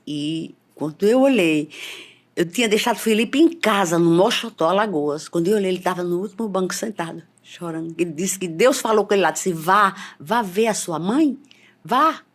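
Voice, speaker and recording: Middle-aged lady, fervent testimony, lowish voice, keeps repeating herself, gets loud and high in the big moments. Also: a little fast. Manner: repetitive, fervent, voice rising when reliving scenes. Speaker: church member giving testimony. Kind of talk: emotional testimony storytelling.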